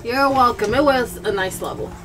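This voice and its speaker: A woman streamer giving excitable, giggly live commentary on a game, mixing English and Spanish. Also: a little high, normal speed. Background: loud game music.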